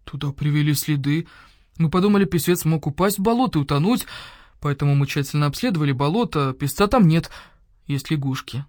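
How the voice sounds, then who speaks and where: Woman voicing a police dog, eager, dutiful, barked-out military reports, loud, children's audiobook. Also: low voice, animated, fairly quick, no room sound, clean studio sound. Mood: reporting.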